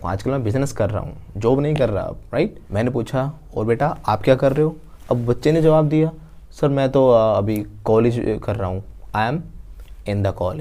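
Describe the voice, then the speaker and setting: A man teaching English prepositions, acting out short everyday dialogues and spelling out English phrases slowly. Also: mid-range voice, dark tone. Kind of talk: spoken English lesson.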